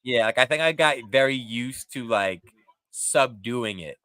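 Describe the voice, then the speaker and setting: Ny guy cohosting a wrestling podcast, animated and jokey, dead dry sound. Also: mid-range voice, unhurried, no echo, low-quality recording. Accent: New York. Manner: animated, joking, mild cursing. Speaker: podcast co-host. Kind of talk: casual chat reviewing a wrestling show.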